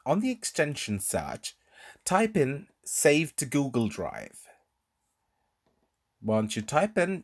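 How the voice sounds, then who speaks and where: A man's voice: mid-range voice, fairly bright tone. A man narrating a screen recording tutorial, explaining step by step in an informal way. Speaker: tutorial presenter. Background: voice-over on a screen recording.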